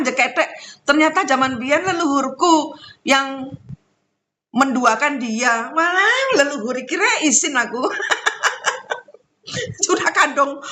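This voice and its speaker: High bright lady chatting about spiritual stuff, lots of laughs, animated. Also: measured pace. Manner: animated, laughs often, mixes in Javanese and English. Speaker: spiritual talk host. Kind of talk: casual spiritual storytelling monologue.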